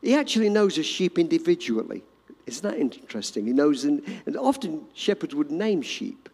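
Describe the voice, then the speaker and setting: A male pastor preaching a sermon, moving from loud urgent emphasis to hushed storytelling. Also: fairly high pitch, very animated, normal speed, slightly rough. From Australia. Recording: long hall reverb.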